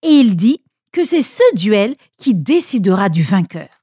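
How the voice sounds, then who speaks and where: A woman's voice: mid-range voice, sing-song, unhurried, warm tone, breathy edge, dry recording, studio quality. A woman voicing a nervous common soldier explaining things in a raised voice. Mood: uneasy.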